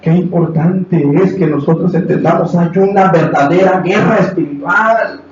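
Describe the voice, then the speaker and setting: A Mexican pastor preaches with passion, his voice sitting fairly high for a man. He acts out quotes and climbs to shouts. The church hall rings with heavy echo, caught from far off on a dull recording. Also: moderate pace. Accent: Mexican Spanish. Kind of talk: sermon. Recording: echoey hall from far off, dull, faint hiss.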